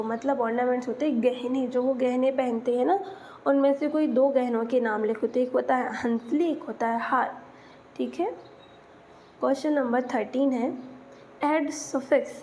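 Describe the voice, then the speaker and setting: A woman's voice: high voice, mellow, a little hiss or hum. A woman teacher giving an exam-prep lesson, patiently explaining English words in Hindi and spelling them out letter by letter.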